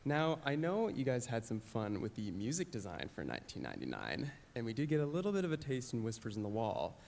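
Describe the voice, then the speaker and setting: A man hosting a convention panel, upbeat and smooth as he introduces clips and questions. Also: medium pitch, wildly swooping pitch, a little fast, darkish tone, slight background noise. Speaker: panel host. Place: live convention stage.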